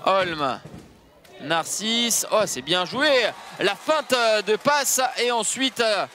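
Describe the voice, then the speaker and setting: Male commentator for live handball, very high and bright, slight background noise. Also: expressive, slow.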